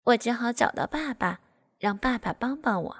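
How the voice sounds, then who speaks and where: A woman telling a first-person story aloud, steady and even. Her voice sits a little high. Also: moderate pace, slightly rough, long reverb tail. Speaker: narrator.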